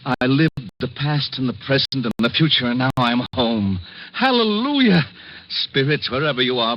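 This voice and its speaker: An actor playing a slangy, wisecracking American Scrooge, a rattled city boss in a 1950s radio drama. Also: male voice, mid-range voice, a little hiss or hum. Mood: relieved joy. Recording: dull old radio recording, clear music behind.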